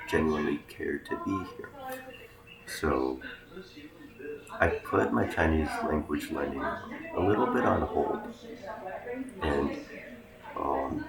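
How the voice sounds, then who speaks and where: Slow, deep, gravelly young man. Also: roomy sound, poor audio. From Taiwan. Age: young adult. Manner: slow and reflective, with many fillers. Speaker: college student. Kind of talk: rehearsed presentation.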